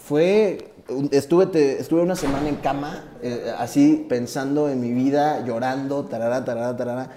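A man's voice: mid-range voice, normal speed, few pauses, crowd noise. A young man from Tabasco with a Mexican accent, a rapper telling his story in a casual interview in an earnest, reflective way. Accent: Mexican Spanish. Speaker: guest, rapper.

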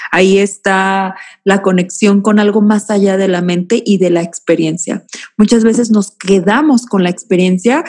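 A woman's voice: mid-range voice, a little mellow. Woman, guest speaker, reflective teaching manner, mid-range voice. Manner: reflective, teaching tone, addresses host by name. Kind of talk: explanatory conversational talk.

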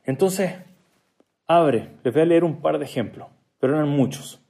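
A man's voice: fairly high pitch, normal speed, creaky, dark tone. A man giving a storytelling religious talk, acting out the dialogue he quotes and making joking asides to his listeners. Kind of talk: storytelling sermon.

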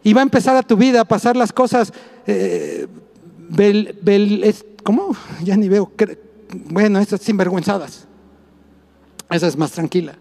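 A man, a pastor, preaching a sermon to his congregation, mixing jokey asides with repeated shouted emphasis. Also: high voice, sing-song, moderate pace, gravelly, pauses often.

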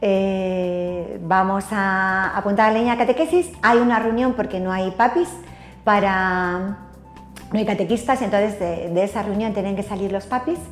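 A woman's voice: medium pitch, moderate pace, roomy sound, soft background music. An older woman from Spain, giving a personal faith testimony as an interview guest, talking hesitantly with many fillers and tag questions.

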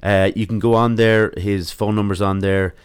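An Irish-accented man in his late thirties hosting a casual interview podcast with informal, halting phrasing. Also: fairly low pitch, level tone, smooth, no room sound. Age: late 30s. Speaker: podcast host.

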